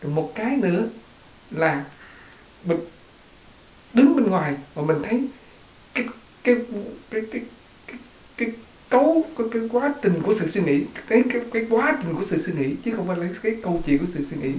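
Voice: medium pitch, big pitch swings, brisk, pauses often, darkish tone. A student at a dharma talk asking a long question, hesitating and searching for words. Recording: echoey room with faint hiss.

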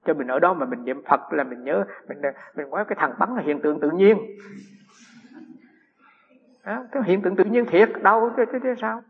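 A man's voice: high voice, animated, normal speed, creaky, long pauses, husky. A man, a Buddhist monk, giving a dharma talk, telling stories and putting rhetorical questions to his listeners. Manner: anecdotal, asks the audience rhetorical questions. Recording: dull lo-fi recording with long hall reverb.

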